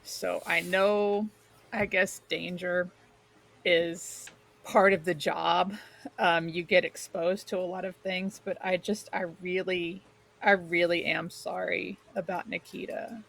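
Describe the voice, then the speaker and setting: A woman playing a kind, apologetic townswoman in a fantasy tabletop game, speaking softly, haltingly and earnestly. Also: medium pitch. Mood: sorrowful, apologetic. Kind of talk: tabletop role-play acting.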